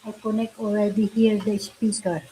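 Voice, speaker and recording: A woman chatting casually in halting, non-fluent English, often repeating herself. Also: mid-range voice, flat delivery, mellow, low-quality recording. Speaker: live stream host. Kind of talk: casual chat. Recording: faint background noise.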